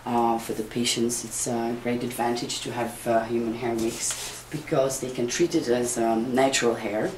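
A woman's voice: extremely low pitch, level tone, moderate pace, hardly any pauses, darkish tone. A woman from the Czech Republic, a volunteer, speaking hesitantly with many fillers in an interview. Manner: hesitant, many ums and uhs. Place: wig room indoors. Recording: echoey room with background noise.

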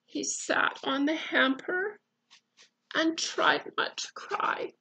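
Brief: gentle female storyteller, interactive picture-book reading, high and very slow. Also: big pitch swings, gravelly, slight background noise, rough recording. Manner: gentle, questioning, drops to whispers.

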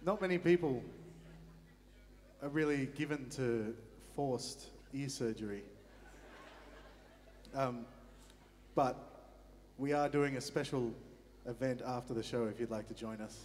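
A man's voice: medium pitch, unhurried, pauses often, a little mellow. A man fronting a band, bantering wryly on stage and egging on the crowd between songs. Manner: wry, joking, egging on the crowd. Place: indoor concert venue stage. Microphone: stage vocal mic. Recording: live hall reverb with band music.

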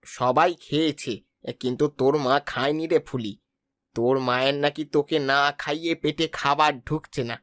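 A man voicing a fair-minded village father in a cartoon, with a calm, firm way of speaking. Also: on the high side, normal speed, close to an everyday voice.

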